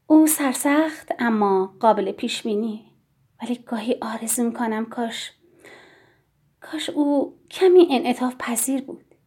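A woman reading a novel aloud in the first person, in a measured and expressive way. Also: a little high, husky. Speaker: audiobook narrator. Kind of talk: scripted first-person story narration.

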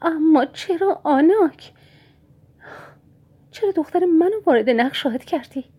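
A woman's voice: a little high, fairly even intonation, slightly rough, lo-fi sound, pitched above the performer's own voice. A woman voicing a distressed mother, a witch who accuses and defies her rival in strained, rising tones. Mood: indignant.

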